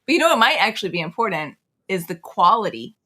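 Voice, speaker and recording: A woman chats casually as a podcast co-host. Her voice is bright and forward, with an ordinary conversational delivery. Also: mid-range voice, sing-song, quick pace.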